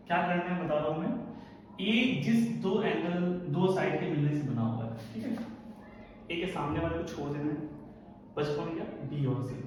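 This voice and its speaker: Guy teaching physics at a board, kinda high voice, super echoey room, mic far off, faint background hum. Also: a little mellow. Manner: explains step by step, checks in often. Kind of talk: classroom lecture at a board.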